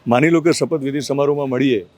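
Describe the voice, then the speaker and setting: A man interviewing a politician, asking slow, thoughtful questions with hesitations and addressing viewers directly. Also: medium pitch, noisy background. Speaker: interviewer and news reporter. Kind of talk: conversational interview with asides to viewers.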